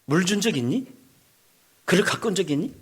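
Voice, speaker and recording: A man voicing God as a patient, fatherly figure who scolds gently and reasons earnestly. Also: high voice, moderate pace, husky, voice pushed up. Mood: admonishing. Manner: calm, reasoning, then impassioned.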